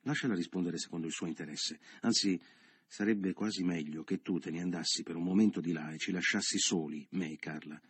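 Man voicing a bossy businessman, coaxing and insistent, deep husky voice, dry audiobook sound. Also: fairly quick, no echo. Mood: domineering. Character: assertive businessman lover, persuasive, domineering. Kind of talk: audiobook character reading.

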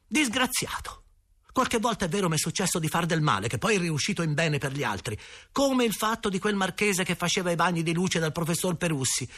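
A man's voice: sits high, a bit bright, pitched above the performer's own voice. A man reading an audiobook, voicing a cheeky young boy who protests defiantly in a raised voice.

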